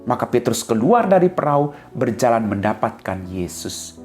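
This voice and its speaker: Priest preaching with dramatic swings. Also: male voice, mid-range voice, sing-song, moderate pace. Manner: dramatic swings from loud to hushed. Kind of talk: sermon. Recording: echoey room with soft music.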